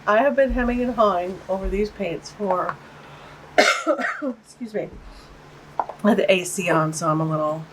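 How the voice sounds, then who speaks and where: Heavy background noise sits behind this art channel host, whose medium-pitched, congested voice is unhurried and pauses often. She gushes and chats through a casual art-supply unboxing vlog, cooing over tiny things, filmed overhead at a tabletop in her home art studio with a camera-mounted shotgun mic.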